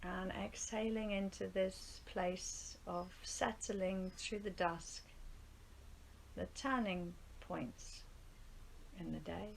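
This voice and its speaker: Speaking at a medium pitch in a steady tone, this woman leads a live yoga nidra session for a group in a countryside studio. She is calm and slow, leaving long pauses and often trailing into a breathy near-whisper; the audio is poor, with faint noise plus birdsong and ambience from outside.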